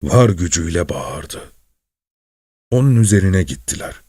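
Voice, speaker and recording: Deep-voiced, slow-reading male storyteller. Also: slightly rough, no echo, clean studio sound. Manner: calm, measured, soft-spoken.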